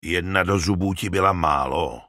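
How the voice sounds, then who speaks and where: A man's voice: low voice, pushed and bright, no room sound, studio quality. Man doing a brutish bullying young warrior. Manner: harsh, bullying, barking. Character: brutish arrogant young warrior, chieftain's son.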